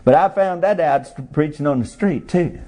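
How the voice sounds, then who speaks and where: A middle-aged man preaching a folksy sermon in plain-spoken rural phrasing, now and then rising to loud cries on key words. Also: fairly high pitch, moderate pace.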